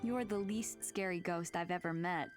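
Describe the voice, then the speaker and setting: An actress playing a plucky, friendly teenage girl in a video game dub, earnest and clearly spoken. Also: on the low side, normal speed, over music, lightly acted. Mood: friendly, curious.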